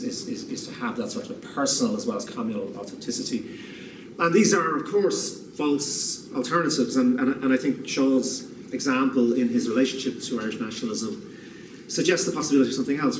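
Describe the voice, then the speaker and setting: An older man speaking at a lectern in a lecture room, recorded from a distance. The room is echoey, with a steady background hum. He talks thoughtfully and often restarts and repeats words mid-sentence. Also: mid-range voice, quick pace. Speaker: keynote speaker. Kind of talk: public lecture. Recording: echoey room, far from the mic, room noise.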